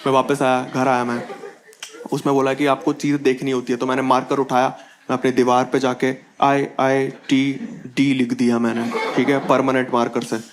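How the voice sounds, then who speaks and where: A man's voice: mid-range voice, flat delivery, normal speed. A young man performing a stand-up comedy set, telling a story in a chatty way and turning to the crowd with asides. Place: live comedy venue with audience. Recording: loud audience laughter throughout.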